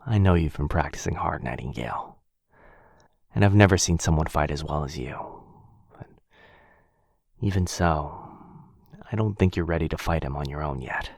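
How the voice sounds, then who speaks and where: With an exaggerated voice, a male actor portrays a brooding, protective vampire lord speaking intimately to the listener in boyfriend ASMR fantasy roleplay. He is somber and apologetic, low and gravelly, hushed and measured, pausing haltingly and often breathing out a murmur. It's recorded dry on a close microphone.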